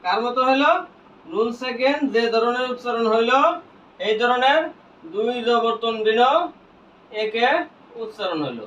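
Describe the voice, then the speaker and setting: High-voiced man teaching Quran reading. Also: fairly bright tone. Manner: repeats each point as a question, then answers it himself; slow, drawn-out spelling of letters. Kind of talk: classroom lesson with call-and-response questions. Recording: echoey, distant, dull lo-fi room sound.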